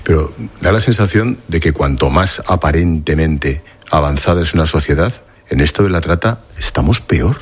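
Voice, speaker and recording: A man's voice: extremely low pitch, expressive, normal speed, breathy edge. A man interviewing guests with direct, probing questions in a broadcast interview.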